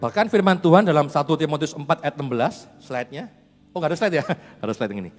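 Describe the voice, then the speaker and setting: A man's voice: a little high, lively intonation, fast talker. A man, a pastor, preaching a sermon in a chatty storytelling manner and laughing often. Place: church hall. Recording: reverberant church hall, faint music.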